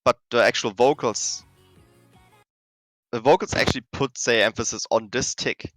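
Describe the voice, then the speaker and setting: A man's voice: medium pitch, normal speed, fairly bright tone, dry recording, faint music behind, poor audio. A man teaching rhythm game map design in a casual, rambling way, often correcting himself mid-sentence. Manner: rambling, self-correcting, many fillers. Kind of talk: casual explanatory lesson.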